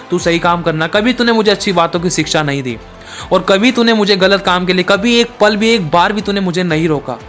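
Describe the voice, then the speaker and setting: A man's voice: sits high, fairly bright tone. A man voicing a condemned young man who angrily blames his mother, speaking in a raised, insistent way.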